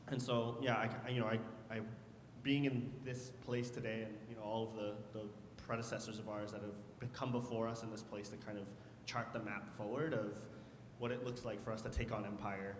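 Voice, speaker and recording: A man on a panel talks with a flat delivery at a moderate pace, keeping it casual and jokey and frequently repeating words. The setting is a hall, formerly a church, and the recording is echoey with a faint rumble.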